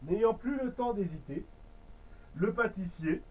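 A man reads a bedtime story aloud to a baby, breaking off for gentle, chatty asides. His voice sits high for a man. It sounds a bit off-mic. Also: animated, a little slow, husky, far from the mic, poor audio.

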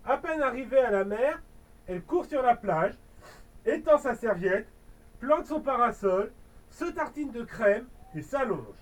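A man with a very high voice reads a children's story aloud in a relaxed way, slipping in joking asides. He sits some distance from the microphone. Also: a little slow. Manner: jokey asides to the listener.

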